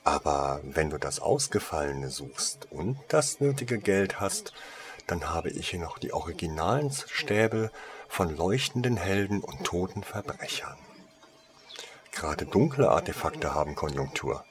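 A man voicing a female wand shop saleswoman who talks with eager, servile flattery in a storybook reading. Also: deep voice, unhurried.

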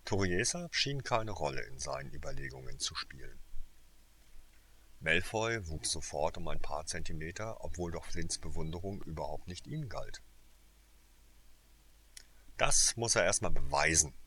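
A man narrating a story in a steady, even reading voice. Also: rumbling low, normal speed, slight background noise. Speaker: audiobook narrator.

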